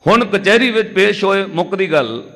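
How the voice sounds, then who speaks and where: High-voiced male preacher in reverberant hall. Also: brisk. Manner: animated storytelling, acting out dialogue in quotes; occasionally breaks into melodic chanting. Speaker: Sikh religious preacher. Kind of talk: katha sermon, storytelling.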